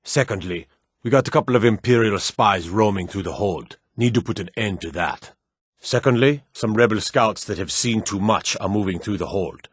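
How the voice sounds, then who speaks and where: A brusque fantasy war officer gives scripted video game briefings in a lowish, slightly rough voice, terse, commanding and businesslike. He speaks at normal speed in a dry, close recording with little room around it.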